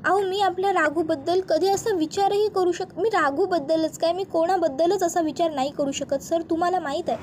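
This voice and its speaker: A woman's voice: very high-pitched, fairly quick, hardly any pauses, darkish tone, a little hiss or hum, pitched above the performer's own voice. A woman voicing an anxious, confused young wife who pleads and questions in distress. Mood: pleading, distressed. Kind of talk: retelling TV serial dialogue.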